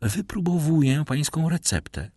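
A man voicing a quick-witted aristocratic wife with a brisk, teasing way of talking. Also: a little high, animated, a little mellow, husky, dry recording, clean studio sound, pitched above the performer's own voice.

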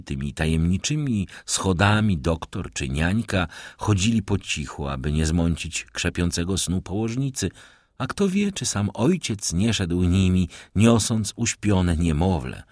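A man voicing a mysterious nobleman who speaks in a measured, theatrical way. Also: low-pitched, a little mellow, no echo, clean studio sound. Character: suave, mysterious middle-aged count, theatrical storyteller.

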